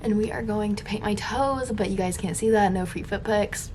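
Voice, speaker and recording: A woman in her twenties films a casual get-ready-with-me vlog at her bathroom mirror, using a camera on a tripod. She chats quietly and giggles, speaking at medium pitch and a moderate pace. Pop music plays over her voice, making the background noisy.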